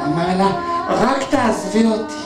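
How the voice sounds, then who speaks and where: A man's voice: sits high, distant mic, natural voice. A man doing an earnest young boy. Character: young boy telling of his parents' divorce. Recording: echoey theater from afar, with music.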